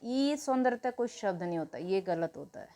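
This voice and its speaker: A woman teaching a grammar lesson to students, repeating key words slowly, asking questions and answering them herself, and telling the children to write things down. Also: medium pitch, expressive, warm tone. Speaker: Hindi teacher.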